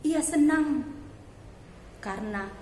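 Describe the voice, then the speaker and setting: Slow, high-voiced woman storyteller. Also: lively intonation, dark tone, a little hiss or hum. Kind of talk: children's Bible story narration. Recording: echoey hall, faint ambience.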